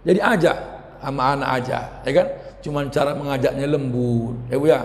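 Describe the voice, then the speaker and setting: A man preaching a lively sermon, loud and forceful, dropping into quiet asides and teasing the audience with questions. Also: mid-range voice, fairly quick. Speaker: Islamic preacher. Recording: echoey hall reverb.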